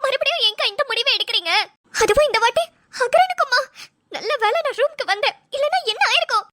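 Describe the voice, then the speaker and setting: A woman's voice: extremely high pitch, animated, fast talker, bright, forceful tone, no room sound, clean studio sound, full character voice. A woman voicing an anxious young woman who pleads frantically in a cartoon. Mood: frantic. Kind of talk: dubbed cartoon voice acting.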